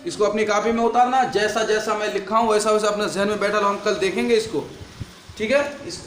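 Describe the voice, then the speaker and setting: A teacher leads his class in repeated question-and-answer drills on letters, scolding the pupils when they get noisy. His high, fairly bright voice stays steady and brisk, with a roomy sound to the recording.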